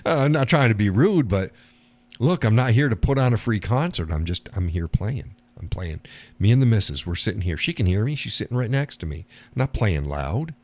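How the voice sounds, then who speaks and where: A man with a darkish tone hosts a casual live stream where he rambles bluntly, laughs and swears a lot, and imitates others in a raised voice.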